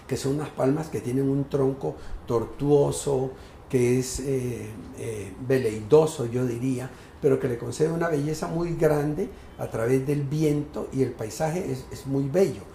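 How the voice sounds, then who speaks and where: An older man in his sixties with a gravelly voice recalls his childhood in a measured, lyrical way. His tone is dark and mellow, and the echoey room carries a faint hiss. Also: medium pitch. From Tumaco, Colombian Pacific coast. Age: 60s. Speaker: interviewee. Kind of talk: reflective storytelling interview.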